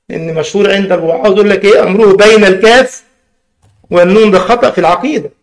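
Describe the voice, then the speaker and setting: A man with an Egyptian accent giving a religious lesson in a mosque. He keeps asking his listeners questions and draws out key words slowly. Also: high voice. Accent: Egyptian Arabic. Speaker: religious teacher. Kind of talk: mosque lesson in plain colloquial speech.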